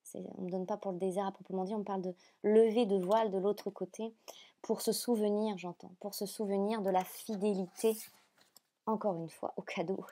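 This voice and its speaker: A French woman giving a spiritual card reading to the viewer, speaking softly and hesitantly, often repeating phrases with many fillers. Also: mid-range voice, steady tone, fairly quick. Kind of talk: channeled reading, addressing viewer.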